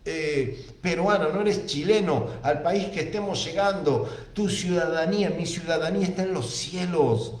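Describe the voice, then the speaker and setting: Argentine preacher with an emphatic, echoing voice. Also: male voice, on the high side, moderate pace, hardly any pauses. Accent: Argentine Spanish. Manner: emphatic, repeats phrases for stress. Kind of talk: sermon with scripture reading.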